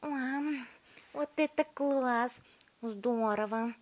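A woman voicing a spoiled, stubborn girl who chews gum and talks in a shrill, demanding way while humming between bites. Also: drawn-out words, full character voice. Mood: bratty, greedy.

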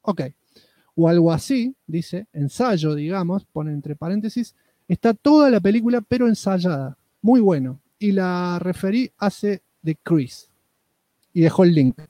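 Man, Argentine accent, high voice, dry close sound, joking podcast co-host. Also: expressive, a little slow, dark tone, no room sound. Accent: Argentine Spanish. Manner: joking, mock-indignant, playful. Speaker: podcast co-host reading listener comments. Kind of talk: casual podcast chat.

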